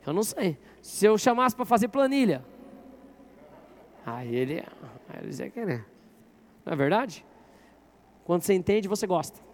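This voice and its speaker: A male pastor with a very high-pitched voice delivers a sermon in church. He talks with the crowd, asking questions and telling them to turn to the person beside them. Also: very animated, moderate pace, pauses often. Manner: interactive, asks the congregation questions.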